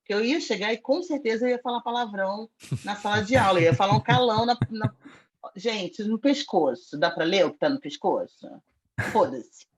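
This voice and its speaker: A woman with a Brazilian Portuguese accent, a guest in a casual podcast conversation, telling stories with lively, blunt, foul-mouthed energy. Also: medium pitch, moderate pace, slightly rough. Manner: animated storyteller, self-described foul-mouthed.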